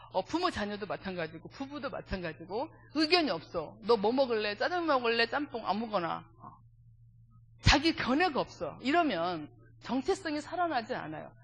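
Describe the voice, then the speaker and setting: A woman leading a church family seminar, speaking with animation and checking in with the congregation with direct questions. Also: on the high side. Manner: animated, acts out everyday dialogues.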